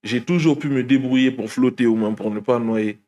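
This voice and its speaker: A man's voice: mid-range voice, normal speed, muffled recording. Young man, from Guinea, rapper guest, casual interview talk, hesitant, restarts. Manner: relaxed, hesitant, many fillers and restarts.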